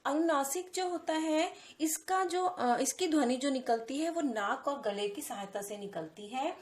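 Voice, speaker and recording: Female teacher explaining sounds in a lesson, slightly high-pitched, echoey room. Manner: repeats words and sounds slowly, addresses viewers as friends. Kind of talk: explaining Hindi grammar lesson.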